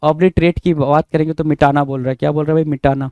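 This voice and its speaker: A man with an Indian accent teaches exam vocabulary in a mellow, fairly high voice. He repeats every word, spells it out letter by letter, and keeps quizzing the class. The sound is close and dry, with no room echo. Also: level tone, quick pace, clean tone, highs cut off. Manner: repetitive, spells words letter by letter, quizzes listeners. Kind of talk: exam-prep vocabulary lesson.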